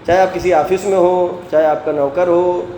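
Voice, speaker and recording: A man's voice: sits high, steady tone. A man preaching a Friday sermon, asking the congregation questions and answering them himself, with recited Quranic verses. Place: mosque. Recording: echoey mosque hall, faint background noise.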